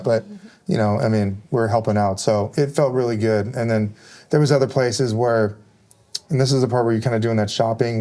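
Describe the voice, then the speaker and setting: A man with a low, mellow voice talks quickly in a casual panel chat. He rambles loosely, padding his thoughts with fillers. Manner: rambling, many fillers like "kinda" and "like". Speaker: firefighter panelist.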